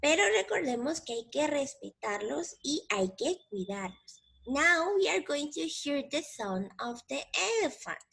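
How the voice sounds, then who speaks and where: A woman's voice: sits high, big pitch swings, a little slow, creaky, a bit bright, a little hiss or hum. A woman teacher with a Mexican Spanish accent, giving a patient bilingual English lesson to young children and repeating each word in both languages.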